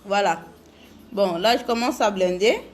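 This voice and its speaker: A woman's voice: medium pitch, measured pace, a little hiss or hum. A woman chatting casually with viewers during a live makeup tutorial, greeting them by name.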